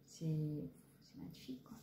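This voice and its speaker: A woman's voice: low voice, expressive, measured pace, creaky, warm tone. Chatty woman in an echoey room. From France. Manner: chatty, hesitant, many fillers, self-deprecating. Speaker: cross-stitch vlogger. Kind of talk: casual show-and-tell chat. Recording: echoey room, faint background noise.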